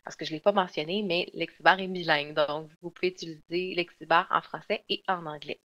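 A woman, presenting software in a webinar and explaining step by step with frequent fillers and restarts. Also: lowish voice, steady tone, brisk. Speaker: software trainer. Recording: dull lo-fi online webinar audio.

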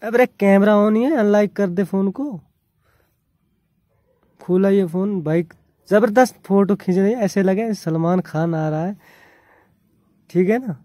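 Young male vlogger, pushy and teasing, high mellow voice, casual banter. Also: a little slow, pauses often, no echo, studio quality. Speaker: vlogger pulling a prank. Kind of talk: casual prank vlog banter. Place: outdoors by the road with motorbikes.

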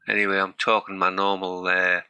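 A man's voice: sits low, monotone, a little fast, pushed and bright, clean tone, no echo, rough recording. A man with a Teesside accent talks casually through a practice trade on screen. He sounds a bit unsure and often stops to restart a sentence. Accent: Teesside English. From North East England. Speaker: hobby forex trader.

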